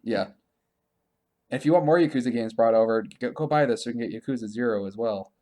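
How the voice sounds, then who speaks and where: Speaking fast in a mid-range, a little mellow voice, a man hosts a video game podcast and chats casually about gaming news. He tends to ramble and stammer, frequently repeating himself.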